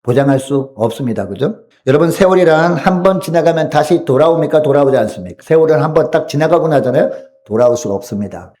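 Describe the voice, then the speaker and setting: A male pastor delivers a sermon in a church, leading the congregation with a steady stream of rhetorical questions and briefly acting out the voices he quotes. His voice sits a little high for a man, yet its tone stays mellow and warm. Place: church sanctuary.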